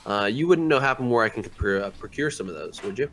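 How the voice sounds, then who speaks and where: A man's voice: lowish voice, lively intonation, quick pace, a bit bright. A man speaking in character as a player in a tabletop role-playing game, hesitant and full of fillers.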